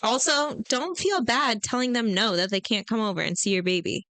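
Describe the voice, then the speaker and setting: A woman co-hosting a podcast in casual chat, blunt and animated, cursing freely. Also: on the high side, normal speed, no echo. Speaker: podcast co-host.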